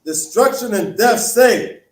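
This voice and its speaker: A man reading scripture aloud to a class, slow and deliberate. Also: high-pitched, lively intonation. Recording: echoey room, distant voice.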